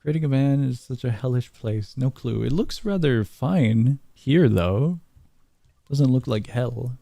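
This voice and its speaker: A man streaming a game, talking casually and reading the on-screen dialogue aloud, breaking into small chuckles. His voice is mellow and dark, at an average pitch. The close mic sounds dry, with no room around it. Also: expressive, measured pace, vocal fry, no echo. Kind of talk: casual gameplay commentary.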